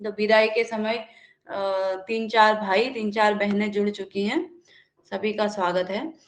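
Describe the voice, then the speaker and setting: A woman teaching a live online class, reading verses slowly and then explaining them in a conversational way, greeting students as they join. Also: medium pitch, fairly even intonation, roomy sound. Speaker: Sanskrit teacher.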